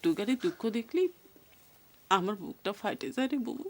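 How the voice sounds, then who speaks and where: An actress playing a sorrowful elder housewife in a TV drama. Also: female voice, mid-range voice, animated, fairly quick, darkish tone, natural voice. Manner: sorrowful, tearful. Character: grieving elder housewife, tearful. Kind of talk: television drama acting.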